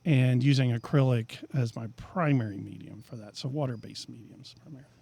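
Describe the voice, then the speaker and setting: A man's voice: medium pitch, brisk, vocal fry, mellow, breathy edge. A middle-aged man, a painter and professor, explaining his work thoughtfully in a casual interview, with frequent fillers.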